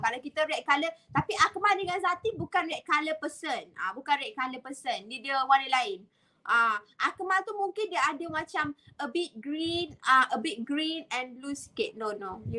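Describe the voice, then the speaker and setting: A young Malaysian woman talking casually on a live stream. Her voice sits high and sounds bright and sharp. She chats easily, laughs between points and slips English phrases into her Malay. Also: animated, normal speed, rough recording. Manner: chatty, mixes English into Malay, laughs often. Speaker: HR live session host.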